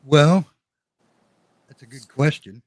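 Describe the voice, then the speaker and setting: A man co-hosting a casual faith discussion, giving his views in an easygoing, measured way. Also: fairly high pitch, a little mellow, no room sound. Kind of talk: casual discussion on a live stream.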